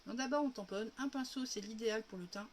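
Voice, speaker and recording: Talking fast with a fairly high voice, a woman runs a makeup tutorial livestream from home. She's chatty, shows each step, and calls viewers "girls," though a lingering cough from a recent illness interrupts her. Slight background noise is audible.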